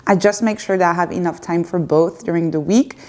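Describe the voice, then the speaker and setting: Facing a camera at home, a French-accented woman in her thirties answers viewer questions in a candid, unscripted Q&A, hesitating at times. Her voice is fairly low, brisk and a little mellow.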